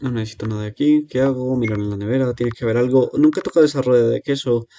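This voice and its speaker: A man voicing a lonely young girl left alone to feed monsters in her cellar, reading game dialogue aloud with a hesitant, quiet delivery. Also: medium pitch, steady tone, very fast, a little hiss or hum, close to an everyday voice. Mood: resigned.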